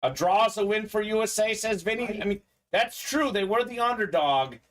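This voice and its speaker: Upbeat high-voiced male live-stream host. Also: moderate pace, fairly bright tone. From Bulgaria. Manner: upbeat, chatty, reads out viewer comments. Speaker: sports card break host. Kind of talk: live-stream sales patter.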